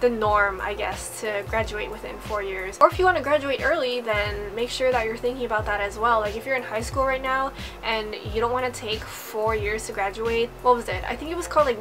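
A woman in her twenties from Hawaii, giving upbeat casual advice to the camera from her bedroom and saying "like" often. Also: on the high side. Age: 20s. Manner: chatty, upbeat, lots of "like". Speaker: vlogger. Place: bedroom, indoors. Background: background music.

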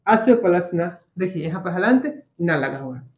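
A man's voice: high voice, lively intonation, normal speed, a little mellow. Echoey male teacher explaining step by step. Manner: explains step by step, repeats key points, asks students questions. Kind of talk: online grammar lesson. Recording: echoey room.

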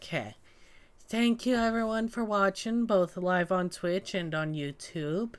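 A woman's voice: medium pitch, a little slow. A woman streaming a game, reading its text aloud and chatting casually with a co-host. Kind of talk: casual gaming stream chat. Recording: game music playing behind.

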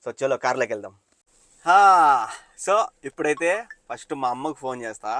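A man's voice: mid-range voice, animated, brisk, a bit bright, dry recording. A young man from India, a vlogger, talks casually to his camera in his car and gets teary on a call with his mother. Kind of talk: casual vlog talk and phone call.

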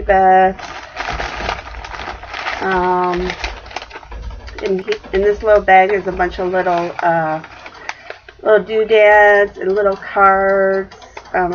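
A middle-aged craft vlogger chats casually at home in her indoor craft room, showing off crafting mail in a rambling show-and-tell full of fillers. Her voice is mid-range, and the lo-fi sound has background noise.

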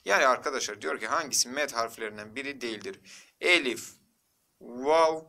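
Bright-voiced man teaching a lesson. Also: medium pitch, vocal fry. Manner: repetitive, drills each word slowly, asks and answers himself. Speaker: religion teacher. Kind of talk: exam walkthrough lesson.

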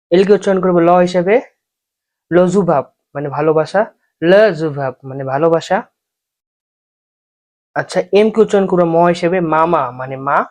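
A language teacher giving a spoken alphabet lesson, patiently going letter by letter and repeating each example word slowly for learners. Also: mid-range voice, darkish tone.

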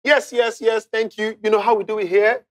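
This middle-aged male quiz show host, wearing a lapel mic in a TV studio, has a theatrical manner of drawing out key words and swinging pitch, yet here his voice moves little in pitch. He speaks at a moderate pace over faint background music.

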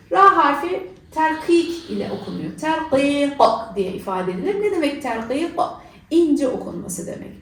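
A woman's voice: high voice, slight background noise. A woman teaching a Quran recitation lesson, explaining rules and then asking and answering her own questions. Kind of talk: tajweed lesson. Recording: echoey room, voice from far off.

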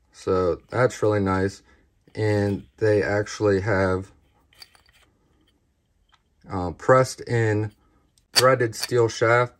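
Slow, low-voiced man reviewing gear. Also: slight background noise. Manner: relaxed, plain-spoken, addresses viewers as guys. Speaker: knife review channel host. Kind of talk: casual product review.

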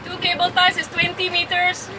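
A woman's voice: extremely high pitch, completely flat delivery, moderate pace. A woman learning to sail, steering a boat and talking hesitantly, often restarting her sentences. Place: at the helm of a sailboat outdoors. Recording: loud wind noise on open water.

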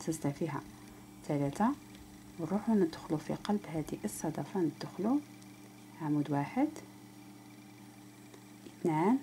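A woman's voice: deep voice, lively intonation, moderate pace, pauses often, mellow, slight background noise. A woman with an Algerian Arabic accent teaching crochet step by step, counting stitches aloud and speaking straight to the viewer. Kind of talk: step-by-step craft tutorial.

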